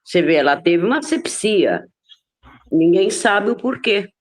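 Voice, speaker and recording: Woman, mid-pitched voice, earnest measured telling over a video call. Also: expressive. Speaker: study group member. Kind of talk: casual chat.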